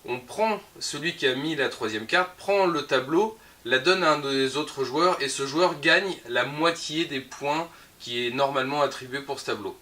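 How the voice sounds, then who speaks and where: A man's voice: mid-range voice, normal speed, hardly any pauses, bright, forceful tone. A man with a French accent casually presenting the week's new board games in a shop video, chatty and upbeat with frequent hesitations. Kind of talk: casual weekly product roundup.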